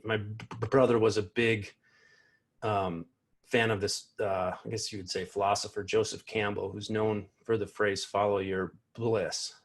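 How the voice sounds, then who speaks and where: A man in his thirties who stutters, with repeated sounds and blocks, gives a personal keynote at an online convention from a small room at home. Speaking over a video call through an earphone mic, he is slow, earnest and reflective, often restarting his words. His pitch sits fairly low.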